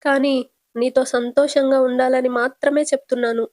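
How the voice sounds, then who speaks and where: A woman's voice: high-pitched, flat delivery, moderate pace, darkish tone, no room sound, studio quality, close to an everyday voice. A woman voicing a remorseful young wife tearfully confessing her lies in her thoughts, in a casual serial retelling.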